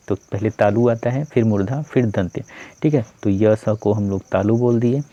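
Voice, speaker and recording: A man's voice: fairly low pitch, dark tone. A man teaching grammar for exam preparation, explaining step by step and repeating key terms, often saying "ठीक है" and "अ". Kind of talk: exam-prep grammar lesson. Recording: dull lo-fi recording.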